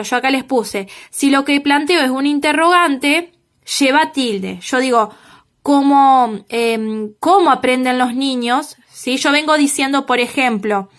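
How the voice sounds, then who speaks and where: Female teacher, high pitched, patient recorded feedback to students, emphatic on examples, frequent check-ins. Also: a bit bright. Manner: checks in with "¿sí?" after nearly every point, many "eh" fillers; slow, emphatic on key examples. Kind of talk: recorded lesson giving feedback on assignments.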